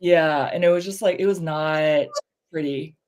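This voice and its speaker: A female podcast co-host chats casually and candidly, voicing strong opinions with plenty of fillers, and her pitch climbs whenever she stresses a point. She keeps a steady tone at a measured pace, and her voice is darkish.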